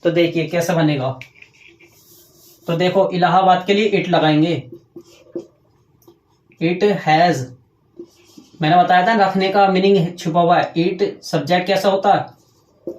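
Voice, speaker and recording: A man teaching a grammar lesson, explaining step by step and dictating slowly while he writes on a board, often asking questions and answering them himself. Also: high-pitched, steady tone, roomy sound. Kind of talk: classroom grammar lecture.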